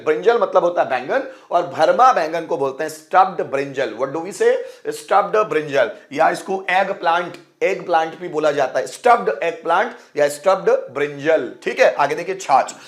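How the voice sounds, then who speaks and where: A man teaching English food words in a bilingual lesson, repeating each term with a quiz-style question and spelling words out letter by letter. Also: on the high side. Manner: addresses viewers as friends and brother.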